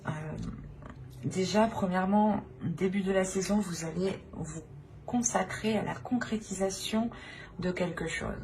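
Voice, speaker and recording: With a medium-pitched voice and a slightly slow delivery, a woman reads tarot unscripted for viewers of her channel. She's hesitant, tends to repeat phrases, and often tags on "hein," against noticeable background noise.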